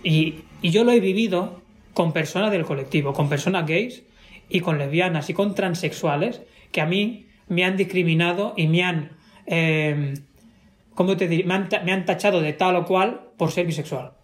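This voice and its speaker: A man's voice: high voice, moderate pace. A man with a Spanish accent talking in a casual conversation, emphatic and given to repeating himself for stress. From Spain.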